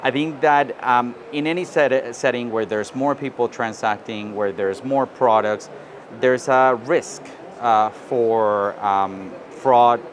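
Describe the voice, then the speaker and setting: A man from South America giving measured interview answers, often adding "you know" and "right?". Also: medium pitch. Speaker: interviewee, financial inclusion advisor. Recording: outdoor recording with street noise.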